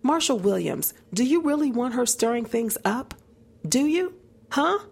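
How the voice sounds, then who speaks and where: A woman's voice: fairly high pitch, sing-song, a little slow, vocal fry, a little mellow, husky, full character voice. An actress playing a tense, nagging woman with secrets, speaking in a pressing, accusatory way in an audio drama. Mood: worried, confronting.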